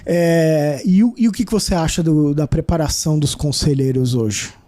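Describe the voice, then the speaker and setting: A man from Brazil, a guest in an interview, answering bluntly in halting speech with many fillers and restarts. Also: a little high, dark tone. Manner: self-described hyperactive.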